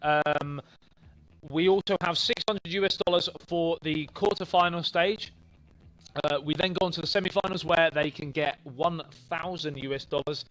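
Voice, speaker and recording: A man's voice: on the high side, normal speed, poor audio. A man commentating on a football video game tournament from a studio, giving play-by-play and lifting his voice on big plays. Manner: lively, rises on big plays. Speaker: esports commentator.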